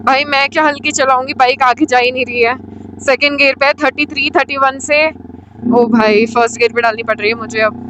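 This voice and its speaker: High-voiced chatty woman riding a motorbike. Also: fairly even intonation, normal speed, a bit bright, slight background noise. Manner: chatty, thinks aloud, calls everyone brother. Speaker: motorcycle vlogger. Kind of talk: casual chat while riding. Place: outdoors on a high mountain road, on a motorbike.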